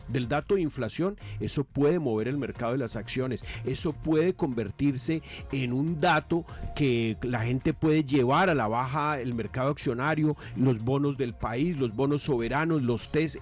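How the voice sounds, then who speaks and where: A man's voice: mid-range voice, darkish tone. A Colombian man giving opinionated live news commentary, indignant and emphatic, often asking questions and answering them himself. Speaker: economics commentator on a news programme.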